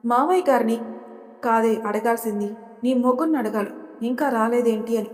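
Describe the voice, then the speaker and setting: A doting but bossy old grandmother, as a woman voices her in a storybook tale. She scolds and coaxes in the same breath. A long hall reverb hangs behind her fairly high voice. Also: moderate pace, darkish tone, natural voice. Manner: scolding, coaxing.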